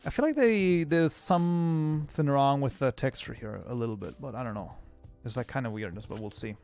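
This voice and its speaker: A man streaming his game modding live, chatting casually and reacting to chat in an excitable, rambling way. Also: medium pitch, normal speed, faint music behind.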